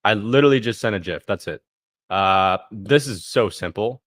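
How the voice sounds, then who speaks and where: In a studio-quality, echo-free recording, a man speaks at a normal speed as he casually runs through a software demo on a live screen share. He thinks aloud as he clicks, punctuating the steps with "boom."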